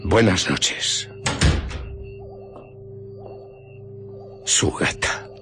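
An actor with an accent from Spain playing an obsessive, irritable, secretive scientist in a radio drama, telling his story theatrically in a husky, breathy voice. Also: takes it slowly, music in the background, natural voice. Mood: muttering, contemptuous. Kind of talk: Spanish radio drama acting.

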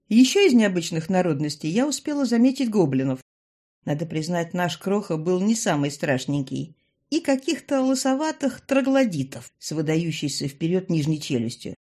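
A woman narrating a first-person fantasy audiobook in a wry, expressive way. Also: lowish voice.

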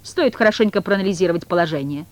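A woman's voice: on the low side, expressive, fast, close to an everyday voice. A woman voicing a huge, sly, pompous talking cat who speaks in wordy, mock-offended phrases.

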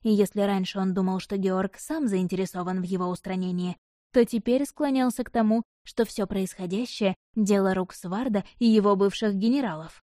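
Dark-voiced woman narrating a fantasy tale. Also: mid-range voice, steady tone, moderate pace, no echo, clean studio sound. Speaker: audiobook narrator.

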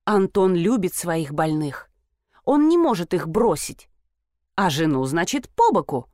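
A woman's voice: fairly low pitch, big pitch swings, unhurried, a little mellow, no room sound, clean studio sound. A woman voicing a frustrated grown daughter, an artist who squeals and pleads in a tense, strained voice. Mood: pleading.

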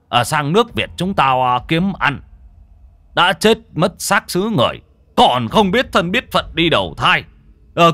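Give me a man playing a stern older father, barking orders in a lively, rising voice. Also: medium pitch, dry recording, pitched above the performer's own voice. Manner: shouting, scolding.

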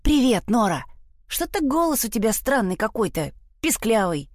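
A woman reading an audiobook, voicing a bold, sharp-tongued young girl who leads her gang. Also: fairly high pitch, sing-song, moderate pace, no room sound, studio quality, voice pushed up. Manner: cocky, defiant.

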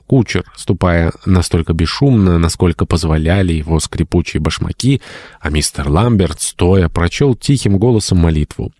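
An audiobook narrator, a man with a very low, deep, warm voice, reads an old novel as scripted narration in a measured storytelling style. The recording is dry and close, with no room sound or echo.

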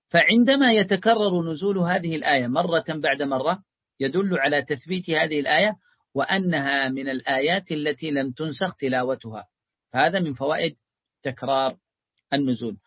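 A man's voice: fairly high pitch, breathy edge, no room sound, lo-fi sound. A man teaching a religious lesson, explaining a text and calling his students his beloved ones.

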